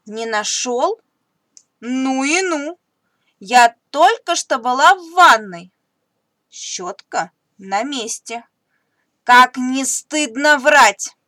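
A woman's voice: sits high, animated, drawn-out words, pauses often, pushed and bright, dry recording, voice pushed up, full character voice. A woman voicing a caring but stern mother mouse who scolds her son in a storybook reading. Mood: scolding.

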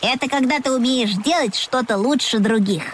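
A woman's voice: fairly high pitch, moderate pace, slight background noise, close to an everyday voice. A woman voicing a boastful, chatty female frog in a children's story, bragging in a self-important way.

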